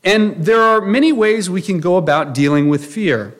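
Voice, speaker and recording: A man in his thirties delivers a sermon. His voice sits slightly higher than most men's, and his delivery is earnest and conversational, full of "you know" and "okay?" asides. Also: normal speed. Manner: earnest, conversational preaching with frequent fillers. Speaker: pastor.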